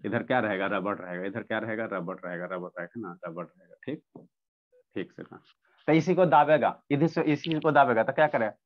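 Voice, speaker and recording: A man's voice: lowish voice, brisk. A man teaching a science lesson over a video call. He asks questions and answers them himself, repeating each point several times. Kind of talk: online class lecture. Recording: dull lo-fi online class audio.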